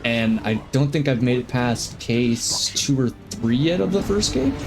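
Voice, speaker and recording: Higher-voiced man streaming a game. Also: animated, measured pace. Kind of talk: casual live game-stream chat. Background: game music.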